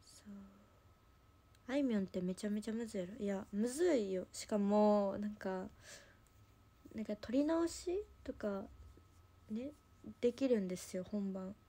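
A woman's voice: mid-range voice, expressive, normal speed, pauses often, warm tone. A young woman with a Kansai accent, chatting casually on a livestream and rambling through a story with lots of fillers. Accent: Kansai Japanese. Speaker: idol livestream host.

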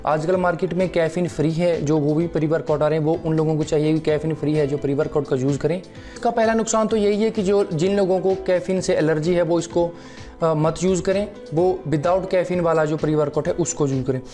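A warm, slightly high male voice moves along fairly quickly over soft background music. It belongs to a young-adult fitness vlogger seated on his living room sofa, lapel mic on, giving a friendly supplement review and regularly greeting viewers as friends.

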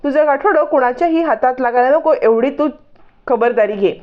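A woman's voice: sits high, normal speed, muffled recording, voice pushed up, natural voice. A woman voicing a scheming man, scolding. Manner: scolding, suspicious questions. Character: scheming middle-aged man, scolding and sly.

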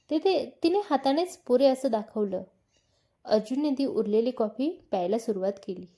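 Warm-voiced woman storyteller. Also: on the high side. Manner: calm, even storytelling. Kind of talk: storybook narration.

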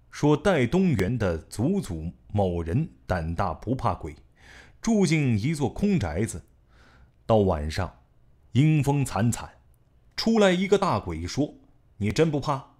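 A man reading an audiobook in an expressive storytelling manner. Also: on the low side. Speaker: audiobook narrator. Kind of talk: scripted audiobook narration.

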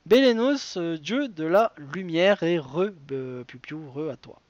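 A man's voice: fairly high pitch, lively intonation, measured pace, a little mellow, dry recording, muffled recording. A man hosting a live web quiz show, chatty and digressive, reading questions and wandering into side stories with many fillers.

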